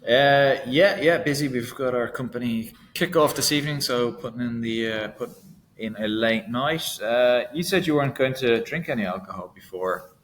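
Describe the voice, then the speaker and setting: A man's voice: medium pitch, moderate pace, fairly bright tone, a little hiss or hum. A man co-hosting a casual industry podcast, talking in a hesitant way with lots of restarts. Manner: hesitant, many fillers and restarts. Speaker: podcast co-host, analyst.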